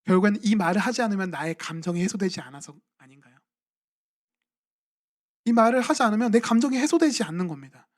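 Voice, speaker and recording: A man's voice: high voice, lively intonation, fast talker, pauses often. A young man, a junior pastor, preaching a sermon in a church and asking his congregation questions in a conversational way. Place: church sanctuary at a midweek evening service.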